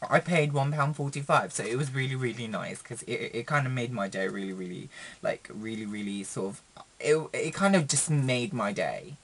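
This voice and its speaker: A young man talks straight to his webcam from a small room, in a mid-range voice. His delivery is chatty and meandering, full of fillers, restarts and sudden expressive jumps in pitch. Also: moderate pace, slight background noise. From Philippines. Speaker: vlogger. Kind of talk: casual chat to camera.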